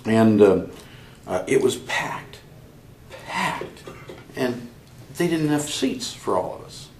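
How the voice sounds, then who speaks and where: An older man, a guest in an interview, telling stories in a halting way with many restarts. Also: mid-range voice, big pitch swings, a little mellow, echoey room, slight background noise. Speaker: interview guest, chapter member. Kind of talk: conversational storytelling.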